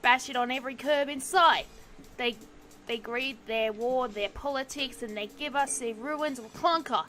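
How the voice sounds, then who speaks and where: A man's voice: extremely high pitch, normal speed, pushed and bright. A woman voicing a young, angry male taxi driver in a video game, ranting heatedly in a put-on accent.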